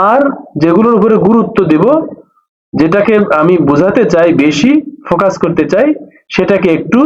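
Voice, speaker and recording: A man teaching an English lesson, reading English phrases slowly and then explaining each one again, repeating and rephrasing his points. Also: high-pitched, lo-fi sound.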